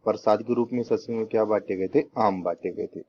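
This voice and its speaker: A young man talks fast in a lowish, fairly even voice, teaching an exam-prep lesson built on memory tricks. He repeats points and poses rhetorical questions before answering them, in a dull lo-fi recording with faint noise.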